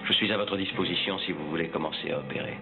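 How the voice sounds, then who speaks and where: A man's voice: low-pitched, fast, creaky. An actor playing an eager, deferential male scientist in a dubbed old film. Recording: tinny lo-fi film clip with loud music.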